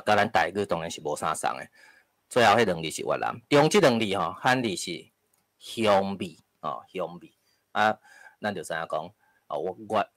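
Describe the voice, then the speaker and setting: A man's voice: deep voice, fairly bright tone, no room sound. A man with a Taiwanese accent giving a lecture to an audience, explaining point by point with frequent tag particles and the odd cough. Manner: occasional coughs and throat clearing. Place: lecture hall with live audience.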